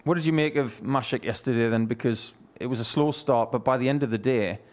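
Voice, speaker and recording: A man's voice: mid-range voice, fairly quick. A man presenting live darts coverage and commentary.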